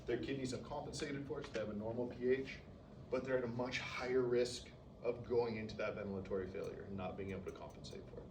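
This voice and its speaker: A man's voice: mid-range voice, steady tone, quick pace. A male instructor giving a casual classroom lecture, often checking in with "okay?" and acting out patients. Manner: casual, peppers sentences with "okay?", acts out patients. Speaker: respiratory therapy instructor. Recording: roomy, distant classroom recording with noise.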